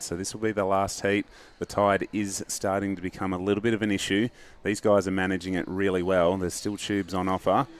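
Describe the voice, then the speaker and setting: Male booth anchor for surf contest, low-pitched, live commentary.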